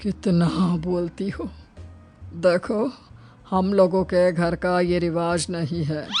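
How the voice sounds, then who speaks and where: A woman's voice: fairly low pitch, steady tone, takes it slowly, warm tone, faint music behind. Woman playing a curt, stern mother-in-law. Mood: lecturing. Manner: curt, clipped commands. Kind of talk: audio story acting.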